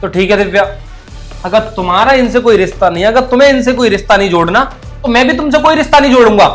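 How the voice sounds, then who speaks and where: A man's voice: high voice, lively intonation, fast talker, fairly bright tone, soft background music. A young man playing a devoted son who speaks earnestly and firmly in defense of his father. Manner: earnest, firm, lecturing.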